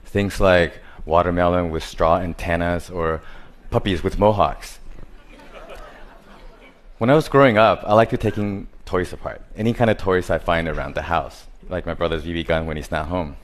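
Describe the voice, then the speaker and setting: A man's voice: low voice, normal speed. A man from Taiwan, giving a prepared stage talk about his art in simple, listing phrases with grammar.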